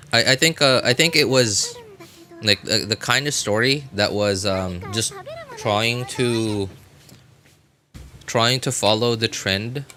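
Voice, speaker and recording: A game livestreamer rambles casually, hesitating, hunting for words and often repeating himself. His voice is lowish, bright and forceful.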